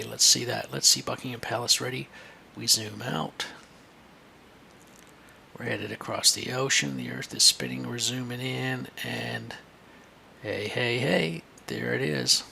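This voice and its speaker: A man's voice: medium pitch, fairly even intonation, a little slow, vocal fry, bright, forceful tone, slight background noise. A man teaching a screen-share lesson for kids, chatty and thinking aloud as he points things out.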